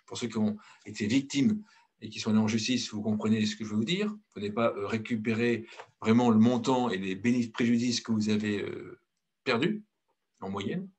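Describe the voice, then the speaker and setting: Brisk and outspoken, a middle-aged French consultancy director presents at a conference in a lowish, darkish voice with a breathy edge. He's blunt, though his delivery is full of hesitations and restarts.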